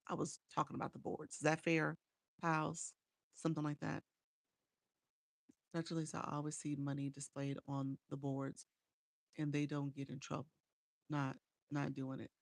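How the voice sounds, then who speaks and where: A Chicago woman with a low, gravelly voice coaches live streamers during a casual livestream chat, reading viewer comments aloud and answering them with frequent "um"s. She uses a small desk microphone at home, and the sound is clean, studio-like and free of echo.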